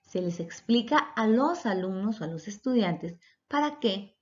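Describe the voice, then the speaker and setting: A woman's voice: mid-range voice, expressive, unhurried, a little mellow. Woman teacher explaining patiently, lo-fi. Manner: explanatory, spells out letters and sounds. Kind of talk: recorded lecture. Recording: dull lo-fi recording.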